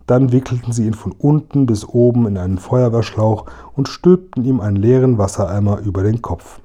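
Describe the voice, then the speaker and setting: A man narrating a children's storybook in a calm, measured way. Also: mid-range voice. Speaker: audiobook reader.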